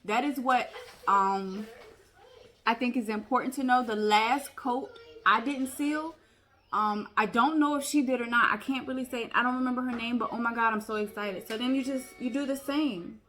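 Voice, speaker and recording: Bright-voiced excitable crafting vlogger woman. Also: a little high, normal speed. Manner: chatty, excitable, addresses viewers as y'all. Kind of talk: casual crafting tutorial chat.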